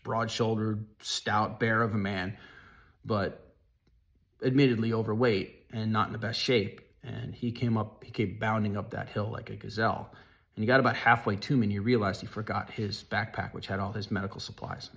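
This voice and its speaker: A man telling a personal story in an earnest, halting way, often restarting his sentences. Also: lowish voice, creaky, a bit bright.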